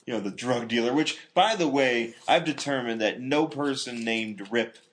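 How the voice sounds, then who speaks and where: A man's voice: mid-range voice, moderate pace, slight background noise. A man casually reviewing a film with a co-host, rambling and joking, with lots of filler words. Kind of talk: casual movie review chat.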